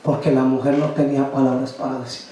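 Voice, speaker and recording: A man's voice: mid-range voice, flat delivery, fast talker, warm tone, slight background noise. A man preaching a sermon as a story, asking the congregation questions and acting out the people in it. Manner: asks the congregation rhetorical questions; acts out the people in his story. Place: large church hall. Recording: very echoey hall from far off, faint music.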